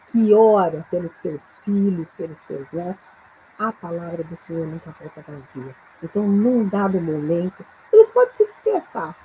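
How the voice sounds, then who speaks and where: Brazilian woman teaching with lively pitch. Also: lo-fi sound, slight background noise. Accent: Brazilian Portuguese. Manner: slow, careful reading aloud of English verses; frequent tag questions, gentle explaining tone. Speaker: English teacher. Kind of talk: Bible-based English lesson.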